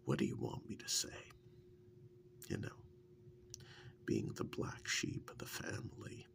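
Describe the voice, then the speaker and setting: In a soft-spoken ASMR role-play, a man lightly acts as an affectionate partner with a wry streak, reminiscing in a halting, musing way. His voice is breathy and often sinks to a whisper, and the mood is wry and reflective.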